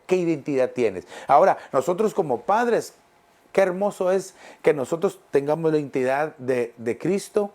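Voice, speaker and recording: A middle-aged male pastor preaching a sermon, emphatic, repeating phrases and slowing down on key words. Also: a little high, a little mellow.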